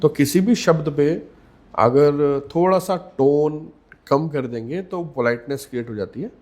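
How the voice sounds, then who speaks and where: Measured, emphatic male communication coach. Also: a little high, darkish tone. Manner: measured, emphatic, repeats key words, mixes English into Hindi. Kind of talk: podcast interview answers.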